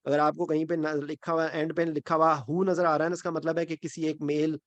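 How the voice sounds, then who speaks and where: This male teacher of Quran and Arabic grammar runs an online grammar lesson in Urdu sprinkled with English, explaining things step by step and checking on his students along the way. His fairly high voice stays level, and the recording is muffled with no echo.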